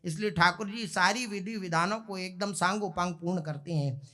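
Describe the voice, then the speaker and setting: A man telling a devotional story, breaking into chanted couplets and then explaining them in an animated way. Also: sits high, normal speed. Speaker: religious storyteller.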